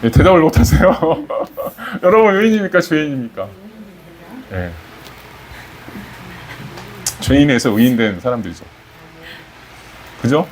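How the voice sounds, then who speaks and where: A man's voice: a little high, lively intonation, moderate pace, long pauses, a little hiss or hum. A man preaching a Sunday sermon as pastor, putting questions to the congregation and rising in emphasis.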